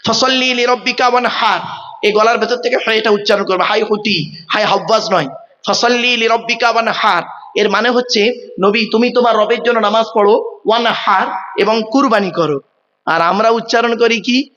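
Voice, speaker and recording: High-voiced man preaching in a hall. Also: a little fast, a bit bright, lo-fi sound, a little hiss or hum. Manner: quizzing the crowd, stressing pronunciation. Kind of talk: Bengali waz sermon. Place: large outdoor religious gathering.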